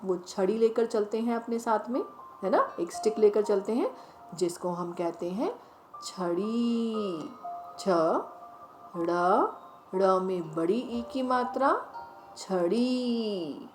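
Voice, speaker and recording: A woman teacher leading a children's phonics lesson, speaking directly to the children and drawing each word out slowly as she repeats it. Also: fairly high pitch. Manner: slow, drawn-out word repetition. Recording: roomy echo, faint music behind.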